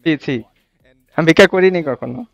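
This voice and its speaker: A man's voice: fairly high pitch, normal speed, gravelly, dry recording. A man hosting a casual livestream, reading viewer comments aloud and quizzing them. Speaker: livestream host. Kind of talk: casual live-stream chat with viewers.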